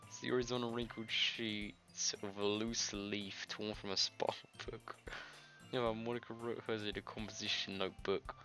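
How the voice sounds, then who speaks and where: Game music runs under this man's voice as he hosts a let's-play, reading visual novel dialogue at a normal pace. His tone is lowish, level and sharp, and he trips over and misreads words in a loose way.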